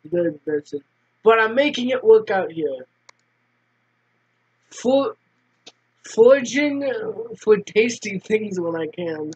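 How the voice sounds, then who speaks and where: Male gamer, high husky voice, stumbling reads, dull recording. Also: animated, slow pace, pauses often, a little mellow. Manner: stumbling, mumbled reading with laughs. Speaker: gamer reading character lines. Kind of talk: casual let's-play voice reading.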